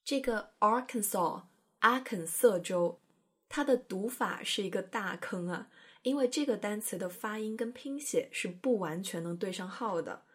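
A woman's voice: mid-range voice, animated, unhurried, a bit bright, husky, faint music behind. A woman hosting an English-learning program, explaining in a chatty, playful way with careful pronunciation demos. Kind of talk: educational podcast narration.

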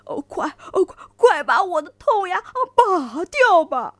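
Lady doing a big tiger that moans and stutters, slow drawn out, dry close sound. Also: very high voice, very animated, no room sound, voice pushed up, full character voice. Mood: moaning in pain. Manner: moaning, stammering, groaning. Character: big toothless male tiger, boastful then whimpering.

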